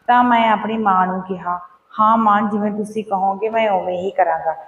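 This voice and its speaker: A woman's voice: medium pitch, distant mic. Woman narrating a story in a roomy echo. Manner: reads the story aloud, voices quotes in the same plain voice. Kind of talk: first-person story narration with quoted dialogue.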